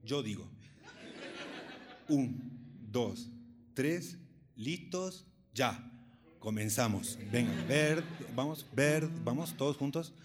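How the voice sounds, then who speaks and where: A man's voice: medium pitch, lively intonation, slow pace, pauses often. A man performing a live children's show, leading the audience in a singalong and telling riddle jokes, laughing along as he goes. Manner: playful, leads call-and-response, laughs at own jokes. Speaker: children's singer. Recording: live concert recording with loud guitar music.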